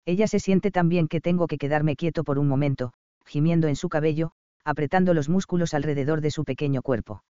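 A man narrating a romance audiobook, slow, intimate and brooding. His voice sits a little high, yet mellow and smooth. The recording is dry and slightly dull, from a voice-over booth. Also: no echo. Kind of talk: scripted first-person narration.

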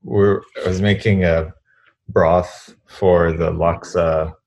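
A man chef telling an anecdote in an interview, halting and restarting as he goes. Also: low-pitched, steady tone, darkish tone. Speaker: chef and guest. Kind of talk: casual interview.

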